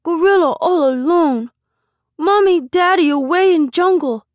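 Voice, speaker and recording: A woman voicing a sad, whiny three-year-old boy who drags out his complaints in a high childish voice. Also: dry recording, clean studio sound. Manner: whining, drawn-out childish complaints.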